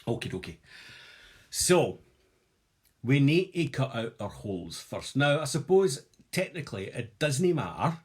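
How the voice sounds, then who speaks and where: Husky, lively Glaswegian man. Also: medium pitch, a little slow, long pauses. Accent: Glaswegian Scottish. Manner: jokey, self-mocking, chatty with viewers. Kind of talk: live-streamed craft demonstration.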